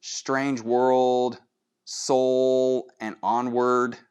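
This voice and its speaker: Male solo host, unhurried delivery, smooth mid-pitched voice, casual trivia chat aimed right at listeners. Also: flat delivery, a little mellow. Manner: chatty, addresses listeners with rhetorical questions. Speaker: podcast host.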